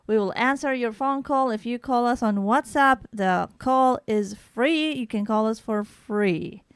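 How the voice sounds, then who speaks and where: Brief: young woman host, chatty and smooth, dry close mic. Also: fairly high pitch, measured pace, no room sound. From Iraq. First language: Arabic. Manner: chatty, switches between English and Arabic. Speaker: podcast host. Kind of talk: casual chat. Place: home podcast setup in Ohio.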